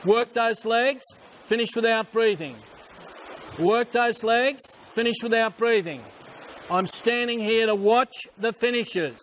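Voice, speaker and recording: An older man working as a swim coach, calling out short, repeated drill instructions and counts across an indoor pool. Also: very high voice. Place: large indoor swimming pool. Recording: noisy indoor pool, splashing ambience.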